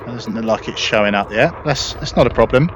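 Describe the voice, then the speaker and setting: A gaming video creator gives casual, conversational gameplay commentary, explaining as he goes in a brisk, medium-pitched voice. The mic sounds muffled, with faint noise.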